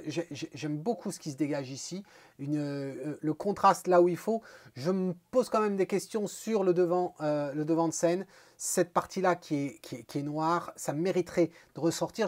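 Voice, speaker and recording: A man hosting a photo contest, giving casual critiques in an animated way, full of fillers and repeated words, with teasing, mock-angry scolding. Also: a little high.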